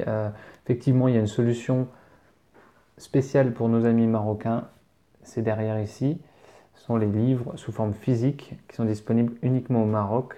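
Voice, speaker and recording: A man's voice: mid-range voice, warm tone. A man teaching French, reading out viewer questions and answering them casually, spelling words out letter by letter. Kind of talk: casual live Q&A.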